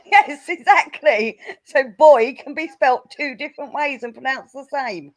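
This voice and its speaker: A woman's voice: sits high, measured pace. A woman in casual chat on a video call, teasing and arguing her point. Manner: argumentative, teasing.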